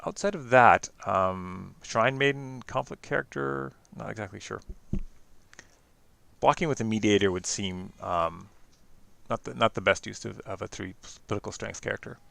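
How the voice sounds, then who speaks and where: Canadian man, solo stream commentary, quick and filler-heavy, gravelly voice, dry close sound. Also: lowish voice, a bit bright, dry recording. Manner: quick, chatty, many fillers and restarts. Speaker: game commentator.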